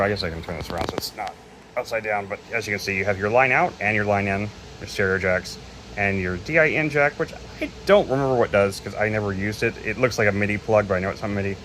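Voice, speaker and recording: Fast and fairly bright, with a fairly low pitch, the man presents audio equipment in a loose, off-the-cuff demo. He's somewhat hesitant and openly admits what he doesn't know, and the home recording carries clear noise.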